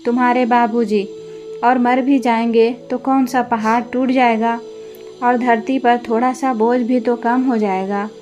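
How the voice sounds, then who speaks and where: Woman reading cruel young wife, scolding, taunting, level delivery, soft music underneath. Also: fairly high pitch, fairly even intonation, unhurried, natural voice. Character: harsh bullying young wife, scornful and shouting.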